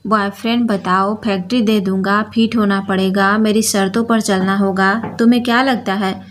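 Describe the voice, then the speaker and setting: A woman voicing a bold young bride who speaks calmly but cuttingly. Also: mid-range voice, normal speed, natural voice. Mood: defiant. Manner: calm but cutting, defiant. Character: bold, sharp-tongued young bride, a surgeon.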